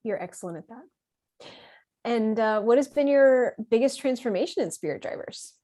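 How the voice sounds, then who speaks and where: A woman's voice: fairly high pitch, lively intonation, normal speed, dark tone. A woman interviewing a member, asking short questions and murmuring along as she listens. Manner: brief prompts and murmured acknowledgements. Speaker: interviewer, community host.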